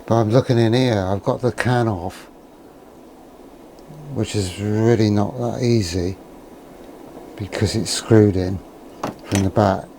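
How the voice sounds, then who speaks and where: An electronics hobbyist presenter gives a casual hands-on demonstration, musing aloud in an understated way and often putting questions to himself. His lowish voice is steady and warm, and he speaks slowly with frequent pauses. There is slight background noise.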